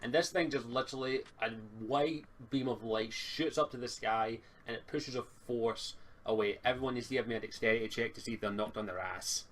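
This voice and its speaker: A tabletop game master, a man with a medium-pitched, slightly bright voice, makes up narration on the fly. His speech is casual, halting, and now and then profane, captured in an amateur online recording.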